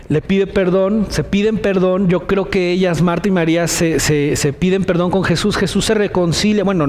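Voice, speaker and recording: High-voiced Mexican pastor preaching. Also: male voice, darkish tone. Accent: Mexican Spanish. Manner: retells scripture dramatically, voicing the characters' laments. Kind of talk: sermon.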